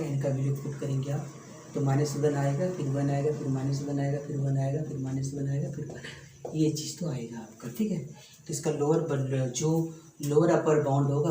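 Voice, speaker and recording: A man teaching a maths exam-prep lesson, explaining step by step and asking the class rhetorical questions. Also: medium pitch. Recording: echoey room, mic at a distance, faint room noise.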